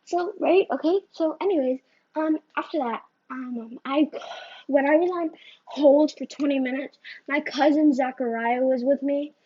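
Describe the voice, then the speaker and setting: Her voice sits high and she speaks at a measured pace, ranting to the camera in a rambling vlog. She keeps throwing in "right?" and "you know?", and the phone recording is slightly muffled.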